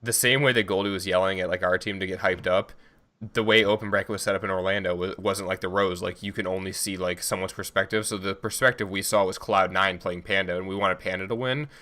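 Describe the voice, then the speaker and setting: A young man with a very low voice tells gaming stories in a loose, rambling way on a podcast. His tone is bright and forceful. It sounds like easy chat between friends at a desk mic. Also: steady tone, fast. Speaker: podcast co-host, competitive gamer. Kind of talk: casual chat.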